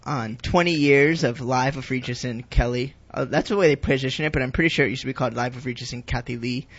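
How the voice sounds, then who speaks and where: A man's voice: mid-range voice, fast talker, fairly bright tone, dry recording. Man, podcast co-host, wry, casual, lo-fi sound. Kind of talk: casual chat. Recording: dull lo-fi podcast audio.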